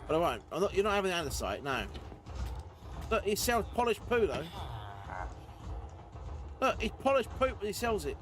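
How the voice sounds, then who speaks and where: A man's voice: high-pitched, very animated, moderate pace, pauses often, soft background music. A man rambling casually over his gameplay, talking to himself and his teammates. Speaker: gaming streamer.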